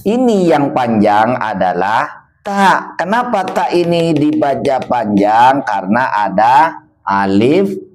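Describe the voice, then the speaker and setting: A man teaching a beginner Quran reading lesson, asking questions and answering them himself, and drawing words out slowly when he models the recitation. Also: medium pitch, very animated.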